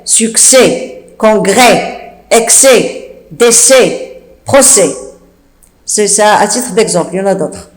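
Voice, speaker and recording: A woman teacher giving a slow spelling lesson, repeating each rule and spelling out letters one by one, with the odd hesitant filler. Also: medium pitch, roomy sound, poor audio. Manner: fillers like "euh" and "d'accord". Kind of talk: slow classroom dictation lesson.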